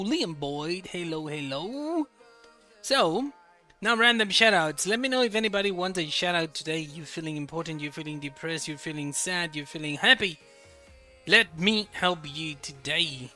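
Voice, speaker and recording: A high-pitched male streamer with a very bright, sharp voice, chatting casually over a live stream. He repeats words as he talks and greets his viewers one by one by name. Faint music plays behind him. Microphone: desk microphone.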